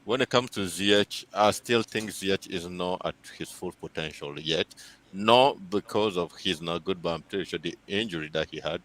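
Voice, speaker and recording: A man speaking as a panelist over a remote call link whose audio breaks up, talking emphatically with halting restarts. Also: sits low, a bit bright, poor audio. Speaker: panelist on a fan livestream. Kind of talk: casual opinionated chat.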